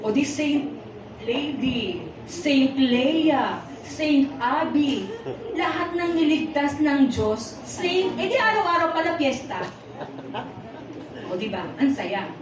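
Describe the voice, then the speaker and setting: A Filipino woman preacher at a Sunday worship service gives a conversational sermon mixing Tagalog and English, animated and teasing as she puts rhetorical questions to the congregation. Her high voice is slow. The recording is noisy and echoey, captured from far off in a hall.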